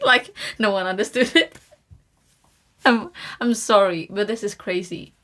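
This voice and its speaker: A young woman co-hosting a casual podcast, giggly and excitable, quick to agree. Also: mid-range voice. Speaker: podcast co-host. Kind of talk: casual chat.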